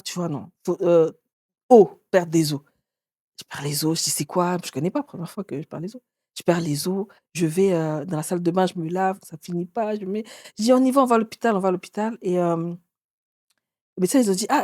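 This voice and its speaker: A woman in her forties, an author and interview guest, telling her own story in a lively way and acting out what others said. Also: fairly quick, no echo, studio quality. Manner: animated, acts out others' words with sudden pitch jumps.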